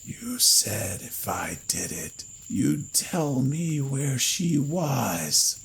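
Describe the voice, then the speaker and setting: A man voicing a drowned male cadaver creature that whispers hoarsely and breaks into shrill screams. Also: big pitch swings, very slow, exaggerated voice. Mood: hissing.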